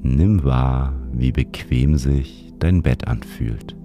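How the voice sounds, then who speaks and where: A man narrating a sleep meditation like a bedtime story narrator, guiding the listener gently and soothingly. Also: rumbling low, slow. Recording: music behind the voice. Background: music.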